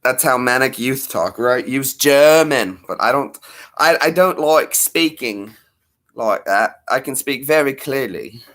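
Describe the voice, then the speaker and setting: A man's voice: medium pitch, lively intonation, measured pace, fairly bright tone. A man in his thirties chatting on a livestream in a rambling, jokey, self-mocking way. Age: 30s. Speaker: streamer. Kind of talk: casual livestream chat.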